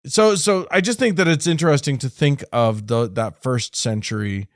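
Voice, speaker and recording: A man co-hosting a podcast in casual conversation, halting with frequent restarts and fillers, his phrases fading quietly at the ends. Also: medium pitch, no room sound, clean studio sound. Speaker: podcast co-host.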